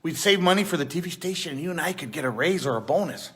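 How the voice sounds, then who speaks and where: A man's voice: on the high side, animated, quick pace, fairly bright tone. A man playing an eager, money-minded pastor and TV producer in an amateur comedy talk-show skit.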